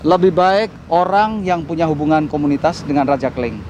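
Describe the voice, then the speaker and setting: An actor playing a cautious team leader, serious and deliberate, in a TV crime drama. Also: male voice, on the high side, steady tone, background noise, lightly acted. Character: cautious male team leader planning a trap. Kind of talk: television crime drama acting.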